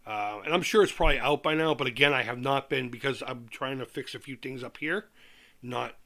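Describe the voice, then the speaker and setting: Bright-voiced man with toothless, lips-over-teeth diction. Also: mid-range voice. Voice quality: speaks over missing top teeth, slightly lisped, lips-over-teeth diction. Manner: rambling, candid, repeats himself. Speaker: livestream host. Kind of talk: casual livestream chat.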